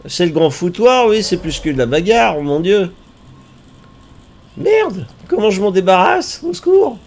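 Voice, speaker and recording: A man's voice: high-pitched, normal speed. Jumpy French-speaking streamer man. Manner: excitable, yelps and groans, talks to enemies. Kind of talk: live gameplay commentary.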